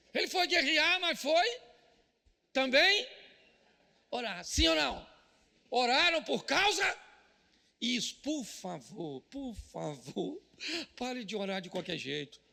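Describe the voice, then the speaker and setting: A man with a Brazilian Portuguese accent, a pastor giving a comedic sermon at a business event, joking loudly and mimicking people praying. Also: very high-pitched, very animated, slow, gravelly, pauses often, long reverb tail.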